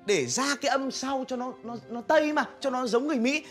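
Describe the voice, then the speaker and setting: A cheeky fake English tutor. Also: male voice, extremely high pitch, brisk, a bit bright, faint music behind. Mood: teacherly. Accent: southern Vietnamese. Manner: playful, sing-song, mock-teacherly. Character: young man posing as an English tutor, cheeky. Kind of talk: radio comedy sketch acting.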